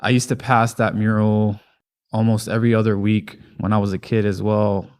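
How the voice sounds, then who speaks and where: Low flat-voiced man, relaxed artist. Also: normal speed. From Miami. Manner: relaxed, enthusiastic, rambling with fillers. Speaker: muralist guest. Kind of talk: casual interview.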